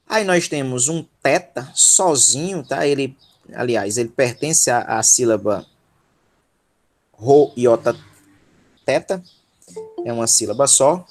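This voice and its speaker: Slow patient Brazilian Portuguese teacher, man. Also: on the high side. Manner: slow, patient, syllable by syllable, checks in with "tá?". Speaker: Greek language teacher. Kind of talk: online workshop lesson.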